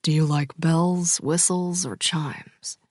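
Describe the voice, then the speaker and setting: A woman voicing a young man in a romance audiobook, speaking in a low murmur. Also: steady tone, slow pace, a little mellow, no room sound, clean studio sound.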